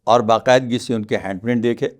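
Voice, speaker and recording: Man, palmist guest, formal measured delivery, mid-pitched voice. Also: steady tone. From Pakistan. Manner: measured, formal, courteous phrasing. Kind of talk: podcast interview.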